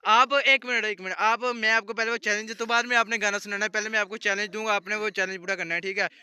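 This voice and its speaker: A young man hosting a casual night-walk vlog with friends, chatty, teasing and excitable. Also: high-pitched, fast, clean tone, no echo, clean studio sound. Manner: excited, chatty, teasing, often repeating himself. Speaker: vlogger host. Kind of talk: casual outdoor vlog chat.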